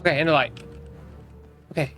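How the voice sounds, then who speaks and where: A man's voice: a little high, fairly even intonation, fairly quick, pushed and bright, soft background music. A man giving casual let's-play commentary, muttering and mocking himself to viewers as he plays at a desk mic. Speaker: gamer streaming a playthrough.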